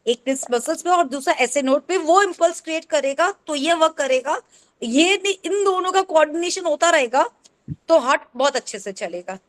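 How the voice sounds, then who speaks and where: A woman co-presenting an acupressure class over a video call, explaining step by step in a teaching tone. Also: high voice. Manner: explains step by step, checks with "ठीक है?". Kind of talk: explanatory teaching, mixing in English.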